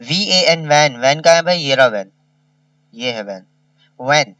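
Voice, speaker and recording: A man's voice: a little high, lively intonation, pushed and bright, no echo, far from the mic. A man teaching a kindergarten revision lesson. He spells each word letter by letter and repeats it. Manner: slow, spells words letter by letter and repeats them.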